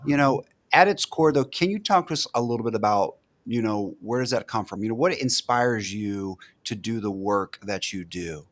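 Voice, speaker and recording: Male host, lowish voice, halting questions full of fillers. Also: animated. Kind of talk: casual webinar interview.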